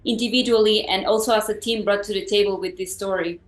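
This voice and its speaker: A woman's voice: medium pitch, fairly even intonation, quick pace, echoey room, soft background music. A woman interviewer asking actors questions in a chatty, enthusiastic way. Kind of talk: entertainment press interview.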